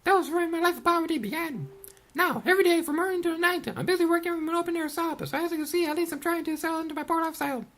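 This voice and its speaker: A woman pushes her voice very high for a put-on reading of game dialogue, playing a young girl who was a rich debutante before falling into poverty. The tone is fairly bright, and the delivery is theatrical, pleading and self-pitying, gushing out rapidly.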